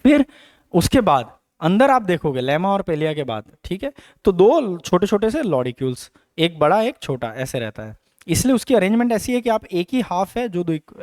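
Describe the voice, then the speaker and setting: Man, biology coaching lecture, high animated voice, dry close sound. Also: dry recording. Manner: explains with questions and repetitions, Hinglish mix. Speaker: biology teacher.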